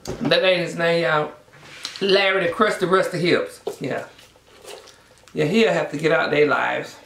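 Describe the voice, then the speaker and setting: A vlogger chatting casually and bluntly to viewers between bites of food, telling things in an animated way. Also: mid-range voice, a little slow, vocal fry, a little hiss or hum. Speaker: mukbang vlogger. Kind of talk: casual chatty mukbang vlog while eating. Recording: echoey room.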